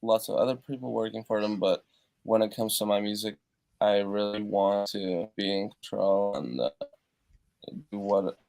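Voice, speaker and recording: He is a musician from Europe being interviewed over a video call from his treated home studio, and his speech halts often with fillers and restarts. The voice is fairly low and darkish, with fairly even intonation, some vocal fry, and no echo.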